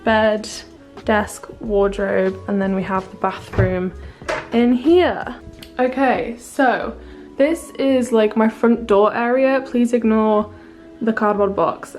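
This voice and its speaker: A young woman who is unwell and a little tired, chatting casually through a room tour of her small studio flat on a handheld camera. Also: on the high side. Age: young adult. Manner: chatty, filler-heavy, pointing things out. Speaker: vlogger.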